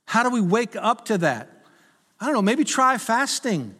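A middle-aged man preaches in a high, light voice, mixing jokes about himself with earnest calls to his listeners. His words ring out with a long reverb, as in a large church hall. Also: sing-song, moderate pace, bright, forceful tone, slightly rough. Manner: conversational, self-deprecating humor, rising to urgent appeals. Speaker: pastor. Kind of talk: sermon with humorous stories.

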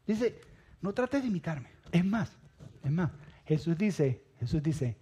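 A man preaches an emphatic sermon, repeating phrases and letting his voice drop low and quiet at the ends of lines. He's very animated yet slow, with a breathy edge.

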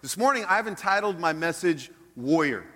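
A male pastor preaches in a conversational style, with a fairly high voice for a man. He leans on rhetorical questions and repetition to make his points. His words ring out with the long reverb of a big hall. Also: expressive, moderate pace, a bit bright. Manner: rhetorical questions, repeats phrases for emphasis. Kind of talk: conversational church sermon to a congregation. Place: large church hall, speaking live.

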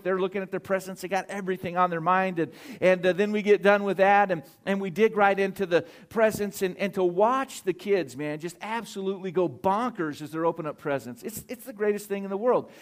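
A middle-aged man preaching a sermon, earnest and animated, telling stories with asides and restarts. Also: sits high, a little fast, hardly any pauses. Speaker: pastor.

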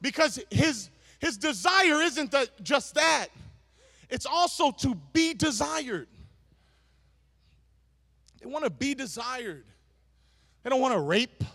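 A male preacher addresses his congregation in a strikingly high voice. He takes his time, leaning on each phrase and repeating lines for emphasis. Now and then he rises into a shout and talks straight at the listeners. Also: sing-song, slow, pauses often. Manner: talks directly to the audience. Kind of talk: sermon to a congregation.

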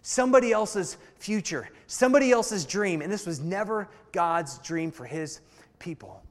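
A long reverb lingers behind a high-voiced male pastor delivering a sermon in the sanctuary with lively intonation. Conversational but emphatic, he repeats key phrases for weight and keeps turning to his congregation with brief asides.

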